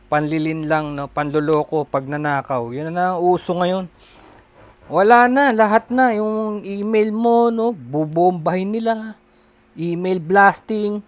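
Exasperated man from the Philippines, vlog rant, unhurried, smooth dry voice. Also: high-pitched, no echo. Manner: exasperated, rhetorical tag questions. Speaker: vlogger. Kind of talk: casual rant to camera.

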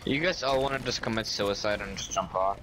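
Lower-voiced crude man on noisy game chat. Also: brisk. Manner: crude, joking. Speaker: online game player. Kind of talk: casual gaming chat.

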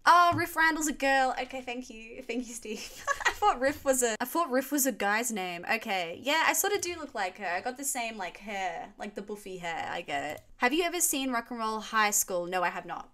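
A woman in her twenties with an Australian accent, hosting a casual question-and-answer vlog from a small room at home, chatty and animated. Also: on the high side, normal speed. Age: 20s. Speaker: YouTube music reaction host.

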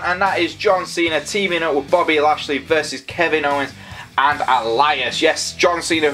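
A young man hosting a casual predictions vlog, excitable and rambling as he talks straight to his viewers. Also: a little high. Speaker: wrestling predictions host.

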